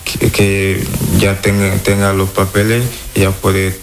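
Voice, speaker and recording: Hesitant man from Senegal, slow. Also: low-pitched, completely flat delivery, background noise. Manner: hesitant, halting non-native Spanish. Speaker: interviewee. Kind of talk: street interview.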